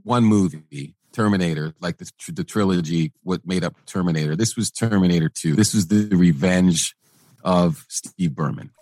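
A man with a fairly low voice speaks as an interviewer. He explains things conversationally and matter-of-factly, with a close, dry sound. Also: moderate pace, darkish tone, dry recording. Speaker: interviewer with music industry experience.

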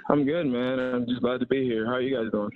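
A young man from the Bahamas, a baseball player, answering interview questions in a relaxed, laid-back way. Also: mid-range voice, fairly quick, soft background music. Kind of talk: casual interview. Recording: tinny phone line.

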